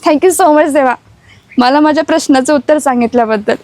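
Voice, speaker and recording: A woman's voice: high-pitched, lightly acted. An actress playing a young woman who prays aloud, pleading for guidance in love. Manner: pleading, soft and slow prayer.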